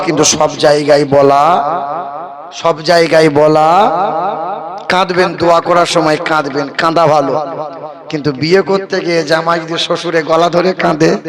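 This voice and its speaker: High-voiced preacher from Bardhaman, Bengal. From Bardhaman, West Bengal. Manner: joking, quizzes the audience, sings the verses. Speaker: Islamic preacher. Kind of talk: sermon with chanted recitation. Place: religious gathering before an audience. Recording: crowd noise of a live gathering.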